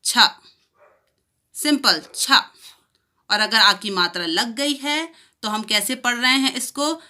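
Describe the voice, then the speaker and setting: Slow, bright-voiced woman teaching children. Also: fairly high pitch. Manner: slow, stretches out sounds for children to repeat. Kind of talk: primary school lesson.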